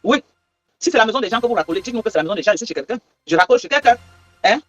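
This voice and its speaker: Brief: high-pitched woman, breakneck scolding rant, mocking taunts. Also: lively intonation, rapid-fire, faint music behind. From Cameroon. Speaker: social media livestreamer. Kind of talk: angry live rant.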